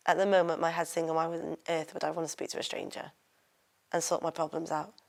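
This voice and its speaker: A woman with a very low, gravelly voice gives a documentary interview. She speaks quietly and hesitantly, and her sentences trail off. Her pitch barely moves. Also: flat delivery, fast. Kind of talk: documentary interview, personal account.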